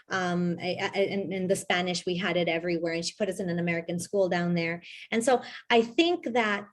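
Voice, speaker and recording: A woman from Ecuador, a guest talking reflectively in a casual interview, with many fillers and restarts. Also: mid-range voice.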